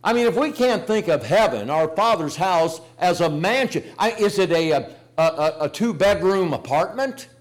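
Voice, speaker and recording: A man's voice: high-pitched, expressive, normal speed, hardly any pauses. Older male preacher, folksy and emphatic. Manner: folksy storytelling with emphatic rises. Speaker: pastor. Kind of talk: sermon.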